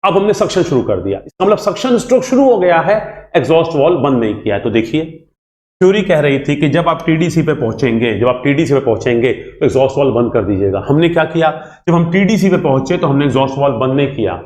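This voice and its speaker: A man teaching an engineering exam class in a lively, repetitive way, acting out student questions and answering them himself. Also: on the high side, quick pace. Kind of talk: classroom lecture. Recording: echoey room.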